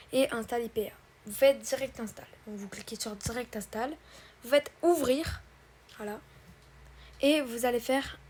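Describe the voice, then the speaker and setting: A woman's voice: a little high, darkish tone, a little hiss or hum. A woman hosting a casual tutorial, talking hesitantly with many fillers and restarts. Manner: addresses viewers as "guys" and "brothers". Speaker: tutorial host. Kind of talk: casual screen-recorded tutorial.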